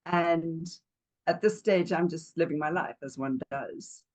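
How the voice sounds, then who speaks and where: A woman's voice: on the low side, a little slow, low-quality recording. Chatty older woman telling her story. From Zambia. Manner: chatty and digressive, warm laughs, searches for words. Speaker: yoga teacher, interview guest. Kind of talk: casual interview storytelling.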